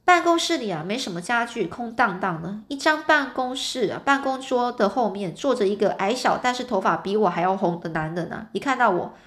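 A woman's voice: medium pitch, expressive, brisk, few pauses, a bit bright. A woman reading a detective storybook aloud in a casual way, with many filler particles.

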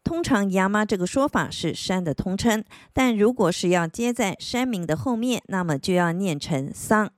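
Woman, language teacher, scripted lesson, slow careful repetitions, dry close-miked sound. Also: mid-range voice, animated, no room sound. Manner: repeats words slowly and clearly for practice.

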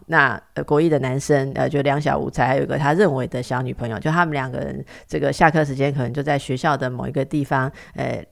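Woman, Taiwanese Mandarin accent, psychotherapist host, gravelly fry, animated rhetorical questions. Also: extremely low pitch. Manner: animated, repeats herself, asks rhetorical questions. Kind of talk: casual conversational storytelling.

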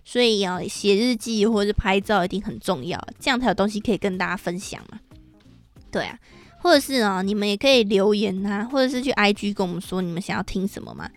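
A woman's voice: mid-range voice, fast, soft background music. Blunt, swearing woman podcaster. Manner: blunt, swears freely and casually. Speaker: podcast host. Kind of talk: unscripted solo chat. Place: at home, rain on an awning outside.

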